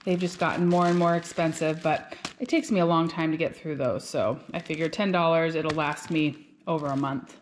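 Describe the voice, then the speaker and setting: A woman's voice: deep voice, steady tone, normal speed, few pauses, a little hiss or hum. A woman in her thirties hosting a casual shopping vlog, chatty and upbeat, talking straight to her viewers from her car and kitchen. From Alaska. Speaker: vlog host. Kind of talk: casual shop-with-me vlog chat. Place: car, then home kitchen.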